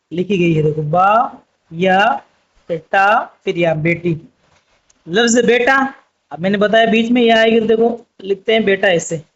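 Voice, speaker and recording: A man's voice: high-pitched, fairly bright tone, muffled recording. A man teaching Urdu script, patiently spelling out letters one by one. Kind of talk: slow spoken writing lesson.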